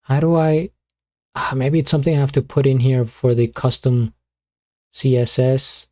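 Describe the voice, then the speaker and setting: A man streaming live, chatting casually and muttering to himself as he fiddles with his streaming software. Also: mid-range voice, steady tone, moderate pace. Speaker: beatbox streamer.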